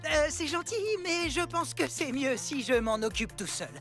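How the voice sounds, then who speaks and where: A woman voicing an earnest, excitable and bookish young boy in a cartoon dub. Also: high voice, normal speed, over loud music. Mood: earnest, fussy.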